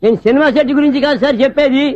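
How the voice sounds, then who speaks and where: A man's voice: very high voice, fairly even intonation, racing, highs cut off, background noise. An actor playing a bumbling, earnest young man who wants to act in films and whose speech is slurred by a denture set, speaking politely and eagerly. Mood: eager, sheepish. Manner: polite, eager, keeps saying sir. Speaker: aspiring film actor.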